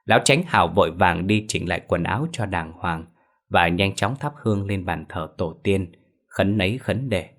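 A man narrating a ghost story in an expressive, dramatic way. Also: deep voice, normal speed.

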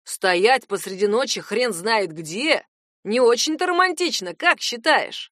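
A woman voicing a nosy, hotheaded young male cousin who keeps pressing with loud, insistent questions. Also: on the high side, expressive, unhurried, dry recording, clean studio sound, exaggerated voice. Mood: scheming, mocking.

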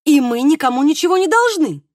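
Eager pushy aunt, high and jumpy, voiced by a woman. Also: very animated, brisk, dry recording, studio quality. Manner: pushy, rising questions. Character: eager, insistent woman relative.

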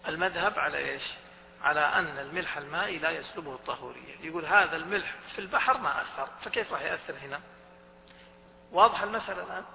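A man's voice: sits high, creaky. A man giving a lecture on Islamic jurisprudence, who quizzes the students often and repeats his points. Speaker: religious studies teacher. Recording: dull recording with a long hall reverb and faint hum.

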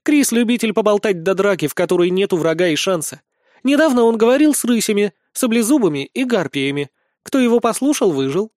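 A dignified warrior woman from a storybook, measured and respectful, her voice a touch higher than the narrator's, as a male reader puts her on. The voice sounds dry and close. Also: big pitch swings, a little mellow, no echo. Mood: calm.

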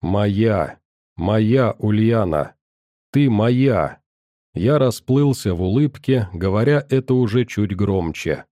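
Male audiobook narrator; calm, dark, dry studio read. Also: mid-range voice, no room sound. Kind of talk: scripted first-person audiobook narration.

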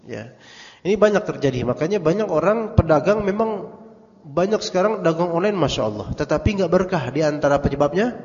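A man's voice: a little high, lively intonation, a little fast, a little mellow, in a large hall, muffled recording. A man with an Indonesian accent giving a conversational Islamic study lecture, telling stories with quoted dialogue and Arabic phrases. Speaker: religious teacher.

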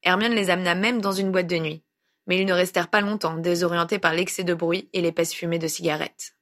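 Woman narrator, slightly low voice, even steady audiobook reading. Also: fairly quick. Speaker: reader. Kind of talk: fan fiction audiobook reading.

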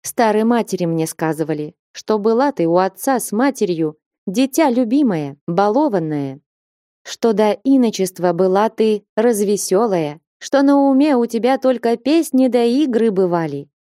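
A woman reading an audiobook voices a lively, teasing young novice girl in a higher, sing-song voice. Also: normal speed, no room sound, studio quality, close to an everyday voice. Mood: wistful.

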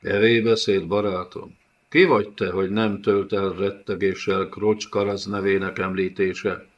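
A man's voice: sits low, flat delivery, muffled recording. A man voicing a small, bald, crafty male prisoner who talks in a fawning, wheedling way.

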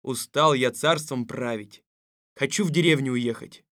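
An actor playing a stern, weary fairy-tale tsar in an audiobook radio play, speaking gruffly and with command. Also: male voice, mid-range voice, unhurried, a bit bright, no echo, studio quality, natural voice.

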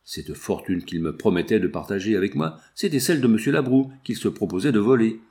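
A man's voice: on the low side, lively intonation, a little fast, mellow. A man reading the part of an anguished young widowed mother, pleading and emotional.

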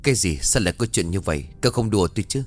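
A worried middle-aged father, gentle but firm, as a storyteller plays him, in a low voice that rises and falls as he calms his frightened daughter. An audiobook horror tale. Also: rapid-fire, faint music behind. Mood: shocked. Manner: soothing, then scolding.

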